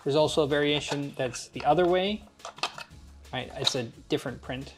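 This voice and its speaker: A man hosts a DIY build tutorial, casually narrating each hands-on step as he works. His voice sits on the high side and moves at a normal speed, with soft music playing in the background.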